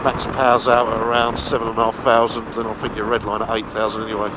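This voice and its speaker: A man's voice: on the low side, completely flat delivery. A man giving casual, colloquial review commentary from inside a helmet while riding a motorbike. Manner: colloquial, unhurried thinking aloud. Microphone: mic inside or on the helmet. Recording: muffled helmet mic, clear wind and engine noise.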